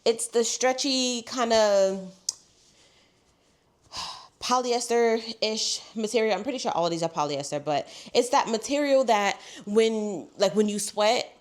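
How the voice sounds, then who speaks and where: A woman's voice: a little high, measured pace. A young woman, chatting casually through a clothing try-on haul, congested and a little out of breath, saying "y'all" a lot. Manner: chatty, says "y'all" often. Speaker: fashion haul vlogger.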